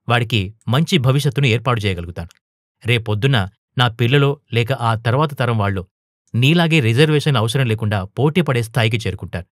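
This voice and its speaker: A man's voice: mid-range voice, no echo, studio quality, natural voice. A man voicing an outspoken young woman teacher in an audio storybook, earnest and turning heated. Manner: earnest, rising to heated protest.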